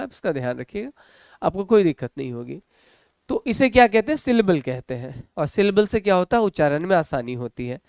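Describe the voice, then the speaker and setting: Indian male English tutor, clear close voice, dry sound, slow drilling of words. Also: high voice, no echo. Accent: Hindi-speaking North Indian. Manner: drills words slowly, asks and answers own questions. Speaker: English teacher. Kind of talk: online class lecture.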